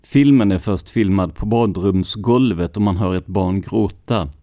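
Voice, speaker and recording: A man hosting a true crime podcast, reading police records in a measured, scripted narration. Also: deep voice, warm tone, no echo, studio quality. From Sweden.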